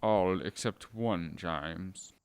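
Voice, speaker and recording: A man's voice: low-pitched, very slow, clear, resonant tone, exaggerated voice. A man playing a stern, touchy Edwardian clergyman and father in an amateur period drama, pompous and formal. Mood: smug, touchy.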